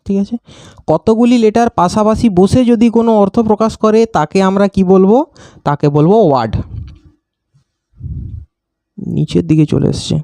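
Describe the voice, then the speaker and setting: A man teaching a grammar lesson, asking questions and answering them himself and repeating definitions slowly. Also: high-pitched, gravelly, dark tone, no echo.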